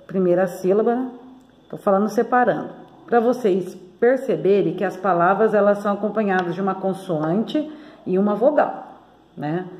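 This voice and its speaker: A woman teacher giving a slow, patient phonics lesson for young children, spelling out letters and ending phrases with questioning tags. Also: mid-range voice, dark tone, highs cut off. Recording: echoey room.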